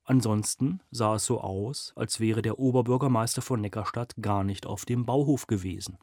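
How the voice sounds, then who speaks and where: A man reading a crime novel aloud as narrator, with measured storytelling and dramatic emphasis. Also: fairly low pitch, darkish tone, no room sound, studio quality.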